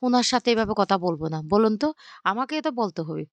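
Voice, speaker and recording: A woman voicing the bride's vain, sharp-tongued mother who retorts cuttingly. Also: mid-range voice, lively intonation, fast, no room sound, lightly acted.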